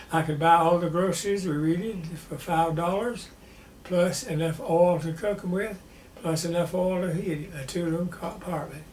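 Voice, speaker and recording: Being interviewed about his past, an elderly Southern veteran in his nineties shares personal memories in a high-pitched, darkish male voice. His speech is plain and halting. Faint background noise and a roomy echo run through the recording.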